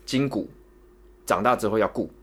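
On a podcast, the young co-host's low-leaning voice has a breathy edge and moves at normal speed as he relates a lengthy tale in a Taiwanese Mandarin accent. He's casual and rambling, repeating words and livening up when he retells things.

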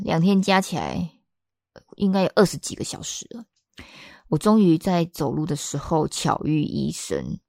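Lively low-voiced woman storyteller. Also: vocal fry, no echo, studio quality. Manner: chatty and expressive, acts out the people she quotes. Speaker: podcast host. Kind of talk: casual personal storytelling.

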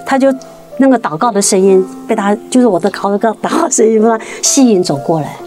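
A woman tells her faith testimony in an earnest, halting way, restarting and repeating words and climbing higher when the story gets tense. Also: animated, dark tone, soft background music. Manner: rises sharply in pitch at tense moments. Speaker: guest sharing a faith testimony. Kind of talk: emotional personal storytelling.

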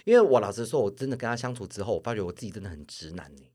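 A man's voice: lowish voice, rapid-fire. A man in his forties with a Taiwanese Mandarin accent, telling stories in a self-deprecating way as a co-host in a casual chat. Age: 40s. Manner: animated, storytelling, self-deprecating. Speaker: podcast co-host.

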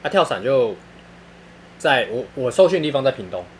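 A man's voice: medium pitch, sing-song, a little fast, slight background noise. A man with a Taiwanese Mandarin accent telling funny stories in casual chat, laughing often and using crude slang.

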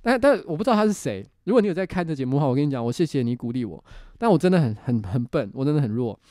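A man's voice: mid-range voice, big pitch swings, rapid-fire, warm tone, dry recording, clean studio sound. A middle-aged man with a Taiwanese Mandarin accent hosting a casual livestream, talking candidly and rambling with restarts. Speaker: host and city councilor.

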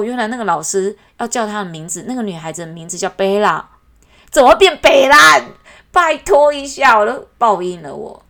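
A woman with a Taiwanese Mandarin accent, hosting a podcast in a chatty, animated way, with lots of "hou" particles. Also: mid-range voice. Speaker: podcast host; works with kindergarten classes. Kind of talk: casual podcast monologue.

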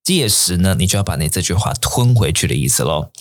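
Man, low voice that swings widely, English teacher explaining phrases, dry close mic. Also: brisk, no echo. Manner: animated, mixes English phrases into Mandarin. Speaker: English teacher and podcast host.

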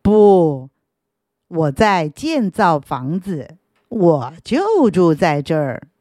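A woman voicing a gruff groundhog in a children's story, speaking slowly with a low, deep voice and curt replies. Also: big pitch swings, dark tone, dry recording, studio quality, full character voice. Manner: slow, curt, unhelpful.

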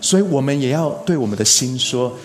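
A man's voice: medium pitch, animated. Earnest man preaching a sermon. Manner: earnest, preaching with emphatic rises and slow stressed phrases. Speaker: pastor.

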